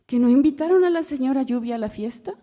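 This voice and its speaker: A woman's voice: sits high, lively intonation, fast talker, dark tone, voice pushed up. A woman voicing an old, grandfatherly male spirit of fire who gives orders in a raised, commanding voice. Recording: long hall reverb.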